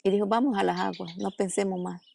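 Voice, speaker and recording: Talking fast in a gravelly yet mellow mid-range voice with a steady tone, a woman pastor from the Amazon jungle gives her testimony during an interview. She narrates events and acts out the dialogue, recorded in a family house within a jungle village.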